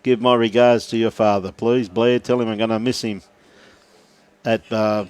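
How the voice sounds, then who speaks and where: A man's voice: on the low side, little pitch movement, moderate pace, a little mellow, smooth. A man with an Australian accent commentating a lawn bowls match, joking and laughing often as he reads out viewer messages. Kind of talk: live sports commentary, chatty.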